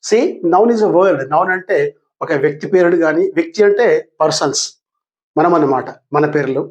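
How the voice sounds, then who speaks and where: An older man teaching a grammar lesson, patient and repetitive, asking his students questions and reading English definitions very slowly. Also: on the high side, lo-fi sound. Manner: patient, repeats terms and asks the class questions, calls students dear.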